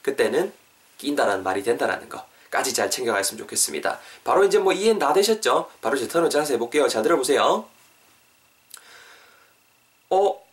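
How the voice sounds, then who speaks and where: Hosting a casual English lesson podcast, a native Korean speaker with a Korean accent chats easily, spelling words slowly letter by letter and correcting himself along the way. His voice is mid-range and very animated, picked up by a distant mic.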